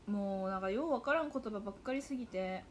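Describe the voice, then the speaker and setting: A woman's voice: medium pitch, quick pace, a little hiss or hum. A young woman in her twenties with a Hakata dialect accent, chatting casually and animatedly to viewers on a livestream. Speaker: livestream host. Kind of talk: casual livestream chat reading comments.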